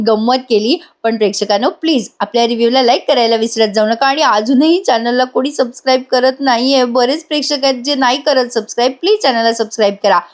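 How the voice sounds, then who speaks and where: A woman narrates a voice-over review of a TV serial episode in a chatty, teasing way. She talks straight to her viewers. Her voice sits fairly high. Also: quick pace, hardly any pauses.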